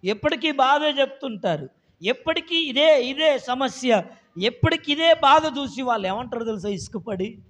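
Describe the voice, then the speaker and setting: A high-pitched male pastor delivers an impassioned sermon. He repeats his phrases in waves and jumps from ringing cries down to hushed asides. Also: lively intonation, normal speed. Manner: impassioned, repetitive preaching with swings between loud cries and soft low asides.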